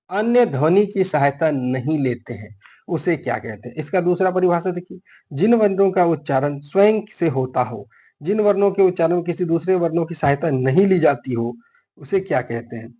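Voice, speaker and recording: A man's voice: on the high side, animated, normal speed, dark tone. A man teaching a grammar lesson for an exam, explaining step by step and answering his own questions.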